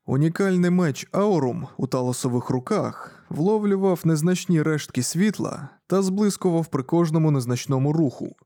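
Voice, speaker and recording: A man reads scripted audiobook narration in an even, measured way. His voice is dark and mellow, pitched a little high for a man. The recording is dry and close. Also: dry recording.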